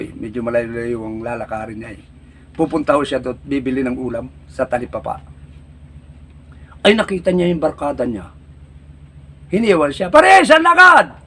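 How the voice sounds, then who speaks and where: A man's voice: mid-range voice, slight background noise. A man hosting a comedy vlog, telling a joke politely and addressing his listeners as friends.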